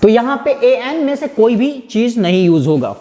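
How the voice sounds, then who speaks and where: High-voiced male teacher in an echoey hall. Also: big pitch swings, normal speed, mellow. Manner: asks rhetorical questions and answers them himself; keeps addressing listeners as "my dear friend". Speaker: English grammar teacher. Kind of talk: explanatory classroom lesson. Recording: echoey hall with faint noise.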